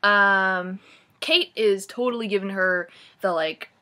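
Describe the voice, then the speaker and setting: Young woman, 20s, snarky book-rant vlogger, bright forceful tone, swears and groans. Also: mid-range voice, slow. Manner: sarcastic, swears freely, leans on filler "like"; gushing then mocking, dramatic sighs and groans. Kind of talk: casual comic book-review rant.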